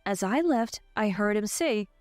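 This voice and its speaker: A woman in her twenties narrating a scripted first-person story with an even, steady delivery. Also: mid-range voice, a little slow, dry recording, soft background music. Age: 20s.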